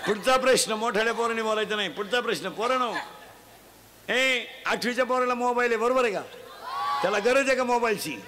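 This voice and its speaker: Brief: male folk preacher, high voice, loud teasing call-and-response, noisy live recording. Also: brisk. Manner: loud, teasing, quizzes children in the crowd. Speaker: folk preacher addressing a crowd. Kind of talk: humorous moral sermon with call-and-response. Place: outdoor festival gathering.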